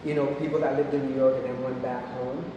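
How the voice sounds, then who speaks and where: A man's voice: mid-range voice, fast, dull audio. A man in his forties from Puerto Rico, casually explaining his art at a gallery talk. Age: 40s. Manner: relaxed, explanatory, with frequent fillers. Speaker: guest artist. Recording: echoey gallery from far off, noisy.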